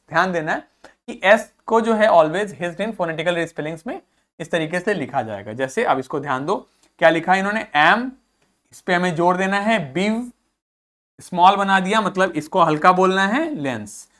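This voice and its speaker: Patient teacher drilling pronunciation. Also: male voice, high-pitched, fairly bright tone. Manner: drills words by repeating them slowly, stressing syllables; patient, checks understanding often. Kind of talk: classroom lesson on English pronunciation.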